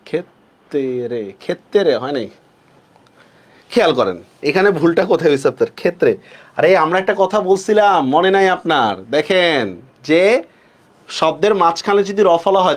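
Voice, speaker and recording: This online lecture features a very animated male tutor whose voice sits fairly high. He goes over the rules slowly, drawing out words for emphasis, and frequently checks understanding by questioning the class.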